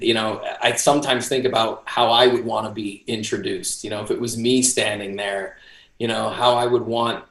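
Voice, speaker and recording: A man in his forties talking casually as an interview guest over a roomy, echoey video call. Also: mid-range voice. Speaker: interview guest, boxing ring announcer. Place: small home office, indoors. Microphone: video call, computer mic at desk distance.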